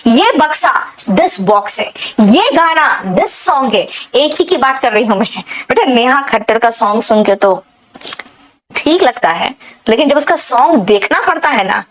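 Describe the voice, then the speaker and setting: A woman with an Indian accent teaching English in a live online class, often checking with her students and saying example sentences slowly. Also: high voice, a bit bright, rough recording. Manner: addresses students as beta, checks with "right?" often.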